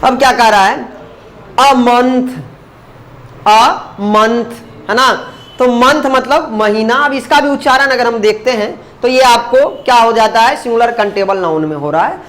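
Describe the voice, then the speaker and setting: Expressive and very high-voiced, with a fairly bright tone, the man leads a slow-paced grammar lesson. He pronounces words one syllable at a time and often asks his students questions, then answers them himself.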